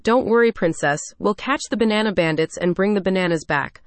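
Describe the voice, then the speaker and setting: A woman's voice: mid-range voice, fairly quick, no room sound, close to an everyday voice. A woman voicing a brave, helpful young female monkey in a children's story, confident and encouraging.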